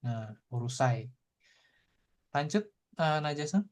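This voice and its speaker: A man's voice: fairly high pitch, slow. A man explains vocabulary to his class in an easygoing, repetitive manner. He keeps returning to the same tag phrases as he goes. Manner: relaxed, repeats tag phrases while explaining. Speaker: Japanese language teacher.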